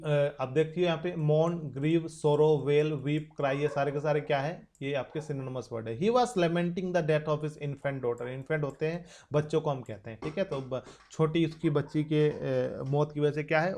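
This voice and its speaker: A young man with an Indian accent teaching an exam-prep vocabulary lesson, explaining in Hindi and reading English example sentences slowly and carefully. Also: on the high side, a little mellow.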